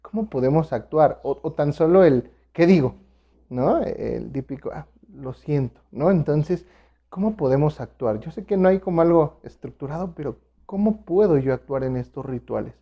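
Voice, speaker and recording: A man's voice: a little high, animated, moderate pace, muffled recording. A man hosting an interview, framing his questions hesitantly, with restarts and fillers. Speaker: interviewer host.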